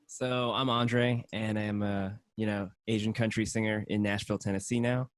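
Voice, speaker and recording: A man's voice: lowish voice, flat delivery, moderate pace, smooth, dry recording. A man from Hong Kong, a country singer, answering interview questions casually with fillers.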